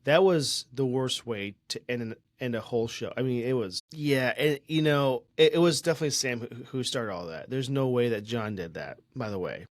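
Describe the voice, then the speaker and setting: Young male podcast co-host, mid-pitched, chatty and opinionated, dry close-mic sound. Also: normal speed, few pauses, dry recording. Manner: chatty, opinionated, rambling with restarts. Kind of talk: casual tech podcast chat.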